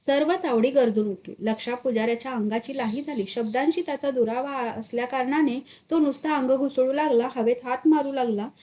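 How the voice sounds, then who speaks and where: A woman reading a literary short story aloud, expressive and dramatic in her storytelling. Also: high-pitched, a little fast, few pauses. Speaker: story reader.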